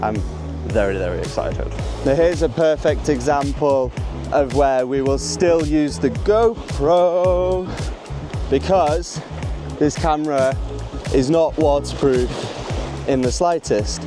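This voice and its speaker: A young man vlogs outdoors on a rocky beach using a small clip-on mic, his slightly high voice moving slowly over music. He's eager and rambling, laughing at himself in an excited, casual way.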